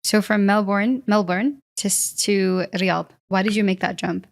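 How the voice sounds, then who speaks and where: A woman hosting an interview, chatty and quick to laugh in casual conversation. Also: mid-range voice, steady tone, vocal fry. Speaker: podcast host.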